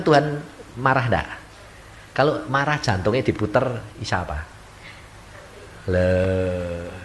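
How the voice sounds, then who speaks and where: A man's voice: a little high, slight background noise, rough recording. A middle-aged man, preaching a sermon to a congregation and often asking them questions. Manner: lively preaching, mimics voices, asks the congregation. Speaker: pastor.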